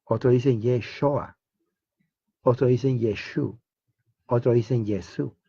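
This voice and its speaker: A man's voice: medium pitch, takes it slowly, mellow, breathy edge, no room sound. A man teaching a theology lecture as a Bible teacher, emphatic and full of rhetorical questions, on a dull lo-fi recording.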